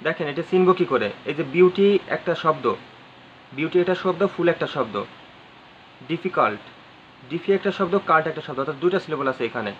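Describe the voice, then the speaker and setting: A man's voice: on the high side, brisk. Guy teaching grammar, keeps repeating himself and spelling stuff out, kinda dull recording. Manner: spells words out letter by letter, repeats phrases, asks the viewers questions. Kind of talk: spoken grammar lesson. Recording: slightly dull audio with faint ambient noise.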